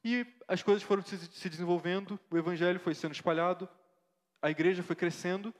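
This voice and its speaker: The long reverb of a church hall surrounds a man portraying a devoted young missionary pastor, interviewed as part of a church play. His fairly high voice tells his mission story earnestly and reflectively, often adding tag questions to engage the listener. He talks fairly quickly with fairly even intonation, sounding close to everyday speech.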